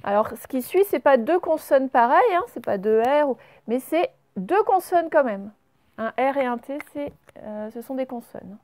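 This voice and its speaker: This is a primary school teacher, a woman with a French accent, patiently guiding young pupils through spelling and drawing out each example word. Her high-sitting voice is slightly mellow with lively intonation, and there's no echo.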